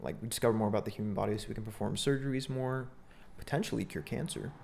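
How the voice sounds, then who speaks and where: A young man co-hosting a podcast in casual chat, easygoing and agreeable, quick to laugh. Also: fairly low pitch, gravelly, darkish tone. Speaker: podcast co-host.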